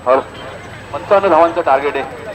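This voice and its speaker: Outdoors at a cricket ground, amid a noisy background, a man calls a local match live. His voice is a little high and fairly quick, with a Maharashtrian accent, and he keeps repeating score lines while chatting with listeners in asides.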